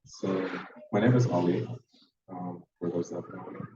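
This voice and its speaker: A man's voice: deep voice, fairly even intonation, moderate pace, warm tone. A man introducing himself at a memorial and speaking hesitantly, with ums. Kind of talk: unscripted eulogy. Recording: echoey hall from far off, dull sound.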